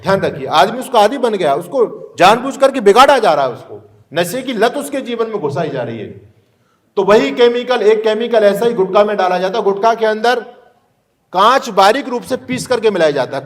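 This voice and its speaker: Preachy high-voiced man lecturing children. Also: very animated, fairly quick. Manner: preachy, rhetorical, scolding. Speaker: speaker addressing students.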